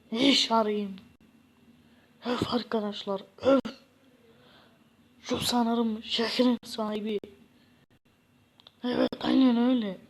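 A woman's voice: fairly high pitch, slightly rough, heavily acted. A woman voicing a poor, self-pitying young man in a game parody, sighing and complaining. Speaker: content creator. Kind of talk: game parody role-play.

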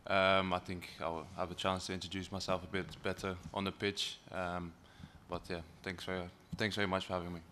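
A man in his twenties giving measured, hesitant answers as a footballer at a press conference, on a table microphone. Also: low voice, little pitch movement, bright, forceful tone. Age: 20s. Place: press room, indoors. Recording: faint room noise.

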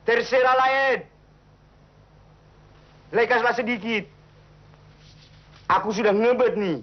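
Defiant town elder: very high, emphatic voice, comedy Western, muffled and noisy old soundtrack. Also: male voice, slow, full character voice. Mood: indignant, defiant. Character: principled, indignant, defiant male town elder. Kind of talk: 1970s comedy Western film acting.

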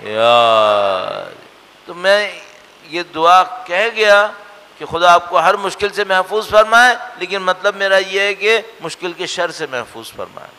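Speaking unhurriedly, a man delivers an earnest religious lecture, his bright, fairly high voice echoing with long reverb in a lecture hall. He alternates between pushing rhetorical questions and quiet, hushed lines.

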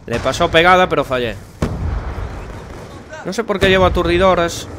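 A man's voice: sits high, animated, moderate pace. A young man with a Spanish accent from Spain, commenting on his own gameplay in a frustrated, sarcastic way and swearing a lot. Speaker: gaming channel host. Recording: game noise and gunfire behind.

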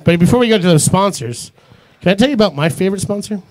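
High-voiced joking male co-host. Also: fast, a crowd in the background. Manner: jokey, energetic, jumps in often. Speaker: co-host of a live concert show. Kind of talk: casual joking banter.

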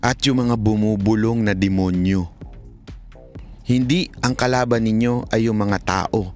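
A man's voice: fairly low pitch, fairly even intonation, unhurried, faint music behind. A man giving heated commentary in his vlog, preaching and pleading with his listeners and quoting scripture in English.

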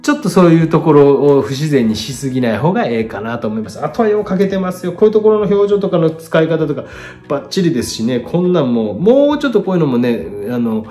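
A middle-aged man with a Kansai accent, chattily critiquing viewers' artworks as a painter, his pitch swinging lively between phrases. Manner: chatty, lively swings in pitch and loudness, self-deprecating asides. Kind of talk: online art critique.

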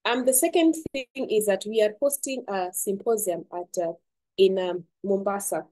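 A woman hosts an online webinar, her voice warm and mellow. She speaks steadily but leans on ums and repeats her words as she goes. The sound comes through a computer mic on a video call. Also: mid-range voice, normal speed, low-quality recording. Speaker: webinar host.

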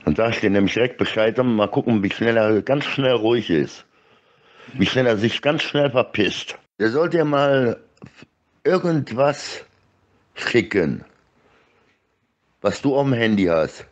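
This middle-aged man sits at a medium pitch and sounds animated as he rambles in stop-start fragments, doubling back on words. The recording is muffled, made on a phone held near his face.

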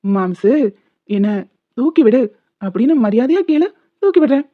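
A petty, gloating male college principal teases his friend in a cartoon, played by a woman. His voice sits high and the sound is tinny and narrow, as if through a phone. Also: animated, normal speed, no room sound. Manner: mocking, gloating.

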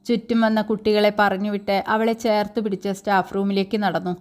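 A woman narrates a literary short story in the first person. Her reading is measured and steady, at an ordinary mid pitch. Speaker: story reader.

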